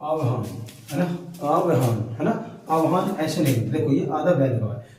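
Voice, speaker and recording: A male teacher with a fairly high, mellow voice in a very echoey room, heard from some way off the mic. He keeps checking in with his students and slows right down to stretch out each word he spells. Faint noise runs under the whole lecture. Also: expressive, far from the mic. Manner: repeats checks like "ठीक है" and "है ना"; stretches words out slowly to spell them. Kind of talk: exam-prep lesson.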